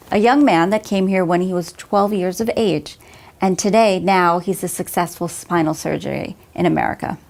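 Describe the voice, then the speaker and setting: A woman's voice: on the low side, a little mellow. A woman hosting a TV interview show, asking questions and heaping praise on her guest. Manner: effusive, complimentary. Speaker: TV show host.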